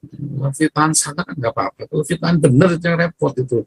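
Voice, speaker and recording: Husky-voiced man preaching casually. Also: a little high, fast, dry recording, low-quality recording. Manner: chatty storytelling, laughing often, acting out quoted voices. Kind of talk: informal sermon.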